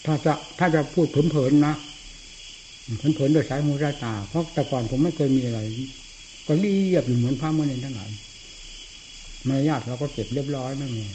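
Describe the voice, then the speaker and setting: An older man, a Buddhist monk, giving a blunt, forceful dhamma talk in answer to a disciple. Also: medium pitch, moderate pace, slight background noise, low-quality recording.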